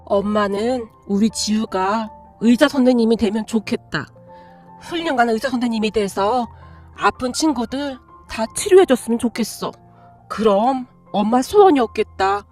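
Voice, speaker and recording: A woman voicing a gentle, sorrowful stepmother who speaks softly and soothingly. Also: a little high, normal speed, soft background music, close to an everyday voice. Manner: soft, soothing.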